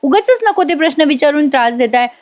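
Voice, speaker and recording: A woman voicing a calm, protective young husband who speaks earnestly and reassuringly. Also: high voice, quick pace, pitched above the performer's own voice.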